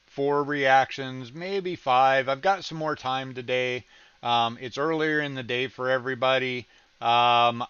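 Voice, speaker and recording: In a dry, muffled recording, a man with a slight Southern American accent hosts a casual livestream reaction chat. He rambles, laughs easily, and fills his talk with ums and restarts, his mid-range voice bright, forceful, clear and resonant.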